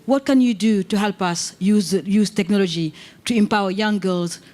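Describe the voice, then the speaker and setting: A woman's voice: medium pitch, a little mellow. Earnest woman in her forties from Senegal. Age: 40s. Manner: earnest, halting starts. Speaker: audience questioner.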